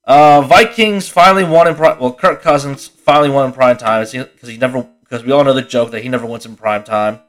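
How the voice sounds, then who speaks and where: A man's voice: mid-range voice, fairly quick, few pauses, a bit bright. A tired young man talks through a casual solo sports podcast, rambling, swearing freely and often restarting his sentences. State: tired, yawning. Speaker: podcast host.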